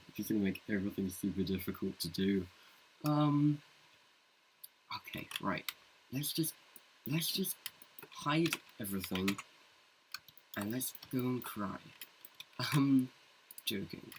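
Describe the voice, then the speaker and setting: A man's voice: expressive, a little slow, pauses often, noisy background. A man thinking aloud in a casual screen-recorded tutorial, chatty and self-mocking as he works through a scene. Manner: jokes in a deep movie-trailer voice. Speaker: CG artist showing his work. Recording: keyboard and mouse clicks behind.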